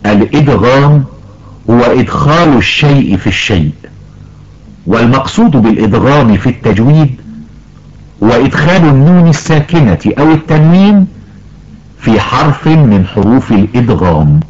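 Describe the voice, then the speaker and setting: A man's voice: medium pitch, big pitch swings, a little mellow, slight background noise, close to an everyday voice. A man playing a patient old grandfather teacher. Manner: slow, careful explaining, stretches out example words. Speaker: tajweed teacher. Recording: dull lo-fi recording.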